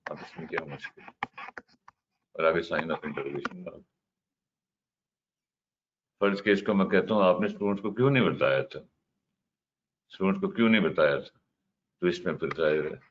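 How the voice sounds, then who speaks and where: A man's voice: low voice, a bit bright. A man teaching an English grammar lesson, explaining step by step and putting questions to his class. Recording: dull, slightly noisy lo-fi recording.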